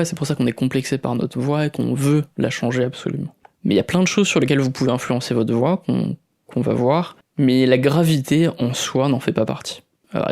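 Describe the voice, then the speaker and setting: A man's voice: mid-range voice, vocal fry, a little mellow. A man with a French accent hosting a podcast, explaining voice tips casually, with fillers and restarts. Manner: explanatory, demonstrates vocal techniques, frequent fillers and restarts. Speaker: podcast host. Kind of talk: casual voice coaching talk.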